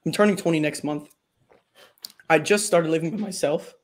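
A man's voice: fairly high pitch, normal speed. A man around twenty asking a question on a video call, polite and hesitant with many ums. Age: 20s. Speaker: caller.

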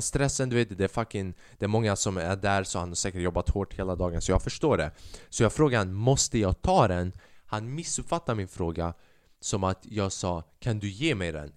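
A man's voice: lowish voice, dry recording, studio quality. A young man hosting a casual solo podcast, telling stories with lots of swearing and acting out what others said. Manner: swearing, animated, acts out quotes. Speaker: podcast host.

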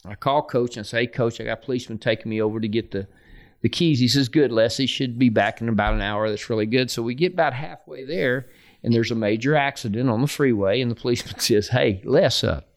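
A middle-aged man, a football coach, tells a story in a relaxed, chatty way. He slips into the voices of the people in it as he goes, laughing along with his own tale. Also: medium pitch, fast. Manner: lively anecdote, acts out quoted voices with laughter. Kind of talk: casual storytelling.

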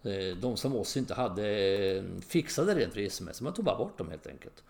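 A man's voice: on the low side, very animated, darkish tone. A middle-aged man hosting a podcast, talking alone in a casual, rambling way with many fillers. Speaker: podcast host. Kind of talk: casual monologue.

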